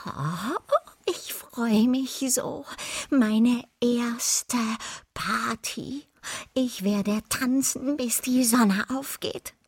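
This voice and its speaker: A woman voicing an excitable, bossy young vampire girl in an audiobook, talking high and dramatically. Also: very slow, husky, dry recording, full character voice. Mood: excited. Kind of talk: audiobook reading.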